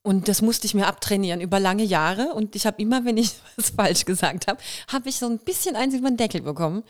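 Here's a fast-talking woman of medium pitch, a German actress and singer hailing from Kirrlach near Waghäusel. As a guest on an easygoing podcast interview, she spins lively stories, imitates dialect sounds, and lets slight Kurpfalz dialect touches slip into her speech.

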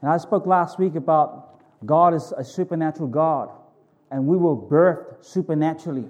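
A man's voice: a little high, normal speed, a little mellow. A man preaching a sermon to a congregation in an informal, conversational way, repeating phrases for emphasis.

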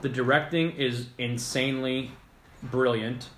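A man's voice: medium pitch, fairly even intonation, a little slow, a bit bright, slight background noise. A man co-hosting a casual podcast, talking in an enthusiastic, rambling, jokey way. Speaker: podcast co-host. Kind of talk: casual chat. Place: apartment room. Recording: echoey room.

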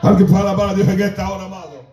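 High-voiced man preaching a fiery sermon. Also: steady tone, racing, distant mic, highs cut off, faint music behind. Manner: shouts and half-sings phrases, calls the congregation to respond. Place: church sanctuary. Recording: echoey church room.

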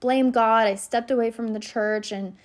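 A woman with a somewhat high voice tells her viewers a story in a casual vlog. She talks in a chatty, quick way, full of fillers and asides, and speaks to the audience directly. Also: fairly even intonation. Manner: chatty, fast, with many "like" and "you know" fillers. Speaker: salon worker.

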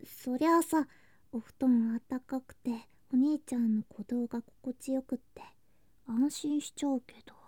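In an intimate bedtime ASMR drama, a woman plays an affectionate, clingy younger girl cousin, her voice sitting high and often dropping to whispers. She speaks softly and breathily at normal speed, drowsy, coaxing, and sweetly childlike, with no echo.

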